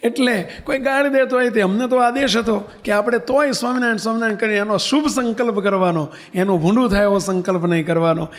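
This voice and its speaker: A man's voice: sits high, steady tone, fast talker, hardly any pauses. A man, a monk preacher, telling a story in a sermon and acting out the dialogue vividly.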